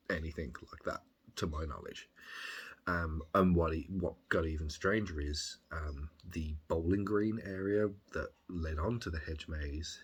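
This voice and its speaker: An extremely deep-voiced man from Birmingham, speaking with the local accent. His voice is husky and rough-edged. He recounts things in a casual, reflective diary style, pausing and rambling as he gathers his thoughts. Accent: Birmingham English. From Birmingham, England. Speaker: video diarist.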